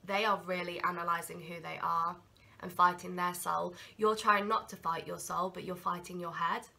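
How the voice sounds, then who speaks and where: A woman in her thirties with a cold gives a chatty tarot reading to a camera at desk distance in a small candlelit room, gesturing animatedly and slipping into quoted inner voices. Her voice is on the low side and creaky, at a moderate pace.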